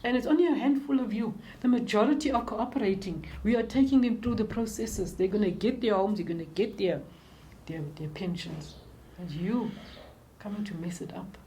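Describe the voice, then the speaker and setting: Mellow older South African woman. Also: mid-range voice, moderate pace, a little hiss or hum. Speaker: interviewee. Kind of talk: recounting life and work in an interview.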